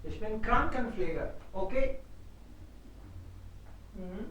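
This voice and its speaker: A woman's voice: mid-range voice, lively intonation, slow, a bit bright. A woman teaching German online, encouraging students and calling on them one by one. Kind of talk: online class, mixing German, English and Hindi. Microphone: video call. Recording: echoey, distant video-call audio with faint noise.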